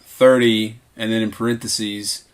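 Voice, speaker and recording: Chatting casually on the podcast he co-hosts from a home man cave, this Southern American teacher in his late twenties speaks in a fairly low, clear and resonant voice. He keeps a level tone and a slightly slow pace, sounding laid-back and quick to poke fun at himself.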